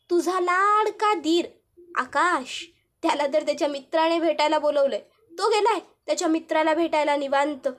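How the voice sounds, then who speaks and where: A woman's voice: sits high, natural voice. A woman voicing a sly male villain from a TV serial, who taunts his victim in a mocking sing-song.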